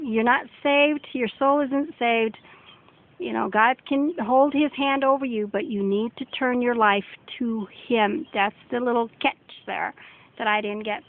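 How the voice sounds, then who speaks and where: Middle-aged woman, earnest rambling testimony, slightly high and gravelly, tinny phone-line sound. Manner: earnest and rambling, with many restarts. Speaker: person giving a testimony. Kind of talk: personal faith testimony.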